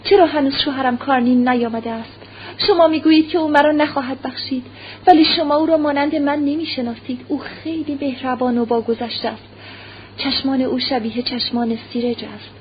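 A woman's voice: high voice, steady tone, natural voice. A woman reading aloud and voicing a dying young noblewoman who pleads urgently and breathlessly, on a muffled lo-fi recording with faint hiss. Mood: yearning. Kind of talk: audiobook character reading.

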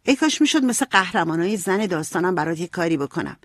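A woman's voice: on the low side, lively intonation, no echo, clean studio sound. A woman voicing a spirited, outspoken teenage girl in a storybook reading. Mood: irritated.

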